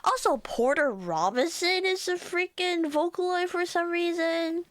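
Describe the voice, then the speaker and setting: High-voiced giddy woman streamer, congested. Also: measured pace, fairly bright tone, no echo, studio quality. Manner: giddy, rambling, filler-heavy. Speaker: live streamer. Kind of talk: casual live-stream chat.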